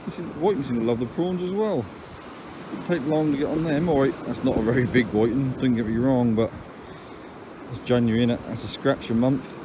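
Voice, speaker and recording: A down-to-earth man talks his way through a day's beach fishing in a plain, middling voice, chatty and matter-of-fact. It is recorded outdoors on a handheld phone, with steady surf and wind rolling in behind him. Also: medium pitch, a little fast. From England. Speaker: angler filming his own fishing trip. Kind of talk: casual running commentary to camera. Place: open beach by the sea, outdoors. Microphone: phone camera held by the speaker.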